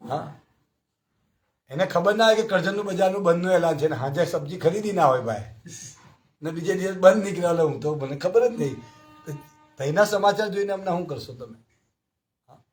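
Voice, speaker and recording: A man's voice: sits high, animated, normal speed, long pauses. A man gives a devotional scripture class in a slightly raised voice. He moves through short stories and keeps asking his listeners questions, as a teacher speaking to a gathered group would. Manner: storytelling with frequent rhetorical questions to the audience.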